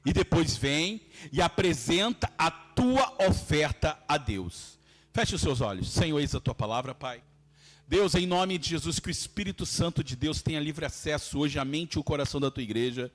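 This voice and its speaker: A man's voice: a little high, animated, normal speed. A man with a Brazilian Portuguese accent, a pastor preaching and praying fervently in a preaching cadence. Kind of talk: sermon and fervent prayer.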